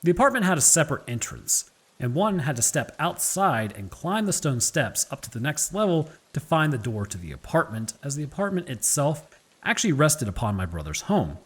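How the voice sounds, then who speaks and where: A man reading a scripted horror story as its narrator, in a measured, formal, literary storytelling manner. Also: fairly high pitch, very animated, fairly bright tone, slightly rough. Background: background music.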